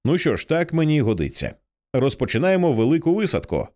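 A reader voicing a cool-headed Englishman in an audiobook thriller, speaking in a dry, quietly sardonic way. The voice sits a little above the reader's usual pitch, with a lively, rising lilt. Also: fast. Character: wry British man, calm and sardonic.

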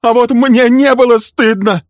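A man voicing a hysterical, furious woman who shrieks accusations, his voice pushed very high and loud. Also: fairly even intonation, measured pace, dry recording, clean studio sound. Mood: bitter rage. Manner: screaming, shrill.

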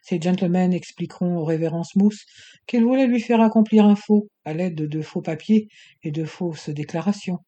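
A menacing mysterious stranger who barks clipped commands at gunpoint, as a male audiobook reader puts him on. The voice sits higher and louder than the narration, with a husky, dark grain. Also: normal speed. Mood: coolly ironic. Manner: curt, clipped orders. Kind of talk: audiobook character voice.

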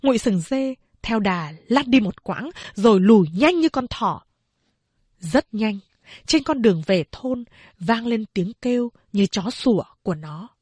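Woman narrator, audiobook, slow deliberate pace, husky, fairly high voice. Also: expressive, a little mellow, no echo.

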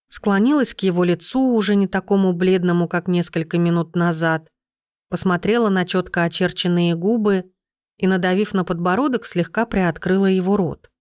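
A woman reading a first-person audiobook in a steady, measured storytelling voice. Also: on the low side, no echo, clean studio sound. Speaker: audiobook narrator.

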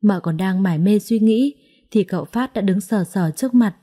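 Female storyteller, dark mellow tone, expressive dramatic narration of a serialized story. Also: medium pitch, moderate pace.

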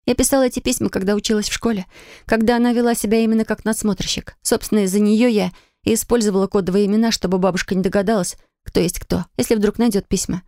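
A woman's voice: mid-range voice, fairly even intonation, fast, mellow, no echo, clean studio sound, natural voice. A woman voicing a hurt, defiant young pregnant wife who talks in a bitter, reproachful way. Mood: wistful.

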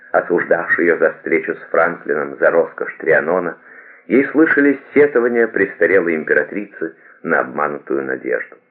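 Very deep-voiced man reading a novel. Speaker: audiobook narrator. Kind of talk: novel narration. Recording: tinny phone-like lo-fi audio.

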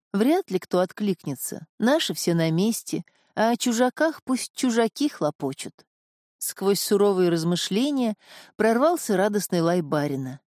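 A woman narrating a fairy tale for an audiobook, telling it in a steady way. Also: on the low side, no echo, clean studio sound. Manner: steady storytelling. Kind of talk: scripted narration.

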